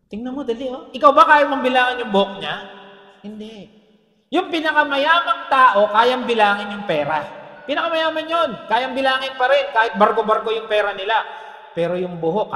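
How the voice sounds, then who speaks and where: High-voiced Filipino pastor in an echoey hall. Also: male voice. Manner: animated, jokey, asks the congregation questions. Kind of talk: sermon. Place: church hall.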